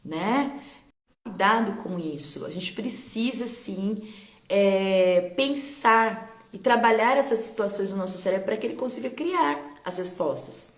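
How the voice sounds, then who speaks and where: A woman's voice: medium pitch, measured pace. A woman with a Brazilian Portuguese accent, a teacher talking to parents on a live stream, conversational and often checking in with her listeners. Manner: conversational, keeps checking in with tag questions. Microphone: phone on a live stream. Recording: roomy echo with faint ambience.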